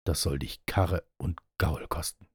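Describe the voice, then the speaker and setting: A man voicing a small, cheeky male sparrow with a shrill, taunting delivery in a fairy tale reading. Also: steady tone, a little slow, husky, no echo, studio quality, heavily acted.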